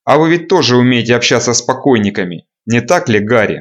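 A man's voice: medium pitch, lively intonation, fast, natural voice. A predatory necromancer with a contemptuous, taunting way of speaking, as a male audiobook narrator plays him. His voice sits close to the narrator's own, with an edge of scorn. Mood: sneering. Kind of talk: audiobook character voice.

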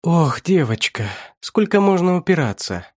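A man's voice: medium pitch, big pitch swings, normal speed, darkish tone, no echo, clean studio sound. A man voicing a cruel, mocking male villain who taunts his captive in an audiobook. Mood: taunting. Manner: taunting, sneering, laughs at his victim. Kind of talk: audiobook reading.

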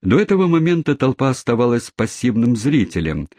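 A man narrating a novel as an audiobook, telling the story in an expressive, lively way. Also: mid-range voice, a little fast, no room sound, studio quality.

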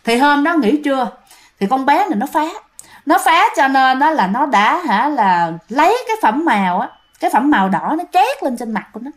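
Woman, casual ghost-story teller, chatty with her listeners; fairly high voice. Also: very animated, moderate pace. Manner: chatty, addresses listeners directly.

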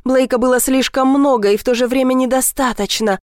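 A woman's voice: high-pitched, steady tone, fairly quick, dry recording, clean studio sound. Woman reading intimate first-person narration. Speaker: audiobook narrator.

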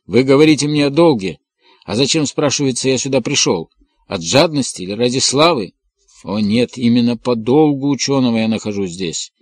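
A man voicing an excitable old male professor who speaks with impassioned fervor and breaks into cries. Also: medium pitch, brisk, no echo, clean studio sound, voice pushed up, natural voice. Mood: defiant.

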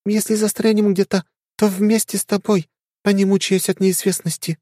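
A man's voice: high voice, flat delivery, moderate pace, mellow, dry recording, studio quality, pitched above the performer's own voice. A man voicing a frank, slyly teasing young princess in an audiobook.

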